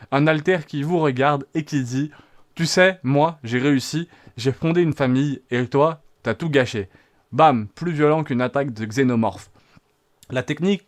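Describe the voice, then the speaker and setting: Dramatic male game reviewer narration. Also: on the high side. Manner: dramatic, punchy phrasing with rhetorical questions. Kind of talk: scripted video narration.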